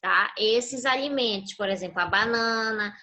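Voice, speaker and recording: A woman's voice: on the high side, unhurried, crowd noise, poor audio. A woman teacher giving a patient online review class to young children over a video call, prompting them with fill-in questions.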